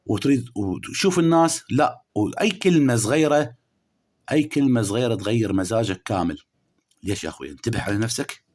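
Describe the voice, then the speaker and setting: A man with an Iraqi Arabic accent, giving a spiritual horoscope reading straight to the listener. His voice sits at an ordinary middle pitch. He lectures and scolds, swinging from loud, stressed bursts to low, muttered asides. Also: animated, fast. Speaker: spiritual astrology reader. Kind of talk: direct-address horoscope reading.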